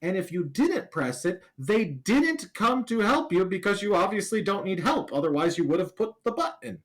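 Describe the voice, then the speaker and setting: A middle-aged American man, a streamer guest in a casual interview, telling animated, self-deprecating anecdotes. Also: high-pitched, normal speed. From United States.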